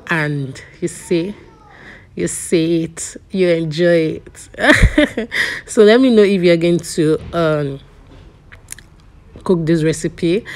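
A middle-aged woman, talking through a recipe in a relaxed, chatty cooking voice-over. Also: deep voice. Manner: chatty, relaxed, with small laughs. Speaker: cooking vlogger.

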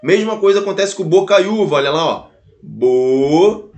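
A Brazilian man with a fairly high voice leads a grammar lesson, speaking with a Brazilian Portuguese accent. He talks straight to his students and repeats each example slowly to drive it home. The sound is echoey, as if recorded in a bare room. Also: soft background music. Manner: animated, addresses students directly, repeats and spells out examples. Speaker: Portuguese teacher.

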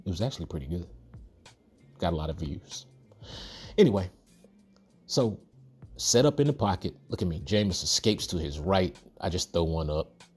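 A man's voice: low-pitched, lively intonation, normal speed, long pauses, a little mellow, slightly rough, soft background music. A man hosting a football video game tutorial, giving casual commentary over his own gameplay with cocky, playful trash talk and chuckles.

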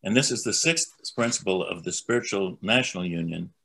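An older man giving an earnest, deliberate talk at a spiritualist church. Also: deep voice, gravelly, bright, forceful tone. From United States. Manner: earnest, slow and deliberate, reads quotations aloud. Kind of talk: sermon-style talk.

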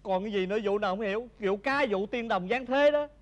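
A man's voice: high voice, fast, muffled recording, lightly acted. Guy doing a southern vietnamese husband, glum and blustery, repeats himself. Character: downcast middle-aged husband, tearful and blustering. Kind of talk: TV comedy sketch acting.

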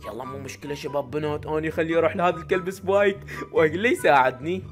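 A man's voice: on the high side, rapid-fire, faint music behind. A man with an Iraqi accent narrating a Minecraft machinima to his viewers in a playful, direct way. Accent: Iraqi Arabic. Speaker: YouTuber narrating as the cat.

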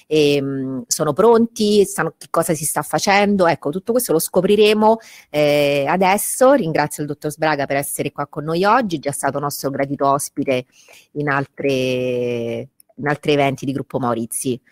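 A woman's voice: low-pitched, normal speed, no echo. A woman in her forties moderating a convention from an office studio, speaking into a desk microphone with frequent hesitations. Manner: warm, hesitant, many fillers. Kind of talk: hosting a video-linked convention.

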